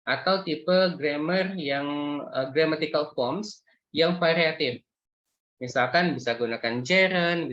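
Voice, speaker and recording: A man teaching an exam-preparation workshop, talking things through step by step in a mid-pitched voice. He drops English terms into his explanations and often pauses with fillers. The audio is a little dull and lo-fi. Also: a bit bright. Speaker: IELTS speaking tutor. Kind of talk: online workshop lecture.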